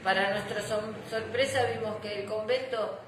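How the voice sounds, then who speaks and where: A woman voicing a proud, affectionate old grandfather general who tells war memories in a deliberate, dramatic storybook manner. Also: medium pitch, steady tone, noisy background, lightly acted. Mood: suspenseful, proud. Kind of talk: children's storybook narration. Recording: echoey room.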